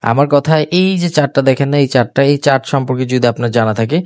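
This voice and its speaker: A man's voice: medium pitch, fairly even intonation, brisk, darkish tone, no room sound, studio quality. A young man giving live trading commentary over a chart, repeating himself and coaxing viewers as brothers. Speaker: trading channel host.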